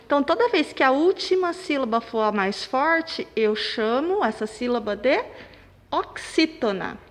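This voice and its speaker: A woman teaches young children in a slow, patient lesson. Her voice is fairly high and swoops up and down as she calls out words and stresses each strong syllable. The sound carries a long reverb, as if in a bare hall. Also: animated. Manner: slow, clapping out syllables and stressing them loudly. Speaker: primary school teacher. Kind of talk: recorded remote lesson for children. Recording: long reverb, room echo.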